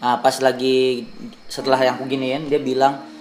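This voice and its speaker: A man's voice: mid-range voice, moderate pace, slight background noise. A young man from Indonesia telling a ghost story to the camera in a casual vlog, acting out the voices of the people in it. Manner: animated storyteller, acts out quoted voices. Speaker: vlogger.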